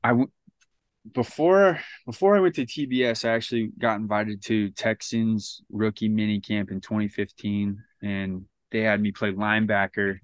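In a dry recording, a lowish, fairly bright voice belongs to a man in his thirties guesting on a podcast. He tells his story in a loose, rambling style, with plenty of restarts and "like" fillers.

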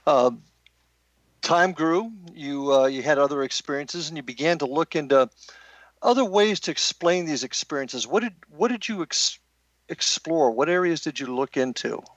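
An American man hosting a talk radio interview in a deliberate, halting manner. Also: a little high, expressive, no echo. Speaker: radio show host.

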